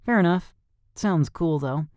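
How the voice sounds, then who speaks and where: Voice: mid-range voice, measured pace, darkish tone, no room sound, studio quality, voice pushed up, lightly acted. An audiobook narrator voicing a laid-back fifteen-year-old boy with a casual, wisecracking manner.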